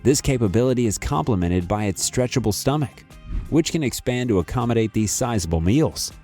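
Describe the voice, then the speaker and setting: A man's voice: mid-range voice, expressive, fairly quick, warm tone, soft background music. A man reading scripted nature documentary narration.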